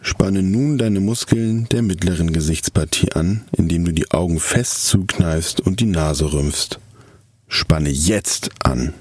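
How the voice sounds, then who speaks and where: Man, very low-pitched, slightly husky, soft-spoken, calm guided relaxation narration, soothing measured instructions. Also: no room sound.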